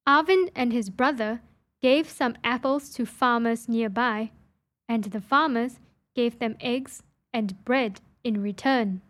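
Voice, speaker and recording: A woman narrating a storybook passage for a listening test, reading clearly and carefully. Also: on the high side, slow.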